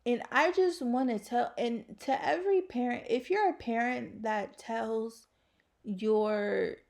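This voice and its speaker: A woman rants straight into the mic in a casual vlog, blunt, profane and full of slang. She takes her time with each thought, and her voice has a gravelly, creaky edge. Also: fairly high pitch, slow pace, darkish tone. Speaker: faceless YouTuber.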